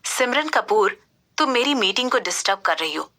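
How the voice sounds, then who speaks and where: A woman's voice: on the high side, lively intonation, moderate pace, sharp tone, exaggerated voice. A woman narrator voicing a cold, dismissive young man giving orders.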